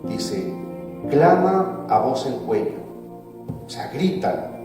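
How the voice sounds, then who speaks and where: A man preaching a sermon as pastor, with emphatic rises and drawn-out stressed words. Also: medium pitch, expressive, warm tone, soft background music. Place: church sanctuary. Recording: echoey church hall, voice from a distance.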